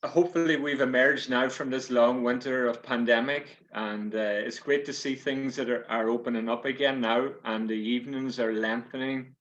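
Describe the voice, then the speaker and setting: A man's voice: mid-range voice, fairly even intonation, moderate pace, hardly any pauses, a bit bright, dull audio. Donegal Irish storyteller, a folksy man. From South Donegal, Ireland. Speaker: storyteller and author. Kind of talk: Irish storyteller addressing an audience.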